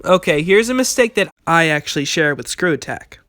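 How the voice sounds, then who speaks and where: A man's voice: a little high, lively intonation, brisk, pushed and bright, dry recording, soft background music. A man delivering scripted rebuttal commentary in an argumentative, corrective, matter-of-fact way. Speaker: video essayist and commentator.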